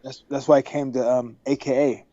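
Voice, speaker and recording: A man from Texas, a podcast guest on a video call, telling stories in a casual, animated way and acting out the dialogue. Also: mid-range voice, brisk, no room sound. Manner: animated, acts out quoted dialogue. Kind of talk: casual storytelling. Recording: dry, dull video-call audio.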